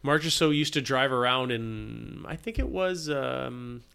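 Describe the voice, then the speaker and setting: A man's voice: medium pitch, animated, creaky, pushed and bright, clear, resonant tone. Storytelling podcast co-host in his forties. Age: 40s. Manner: storytelling, puts on quick character voices for jokes. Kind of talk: casual sports chat.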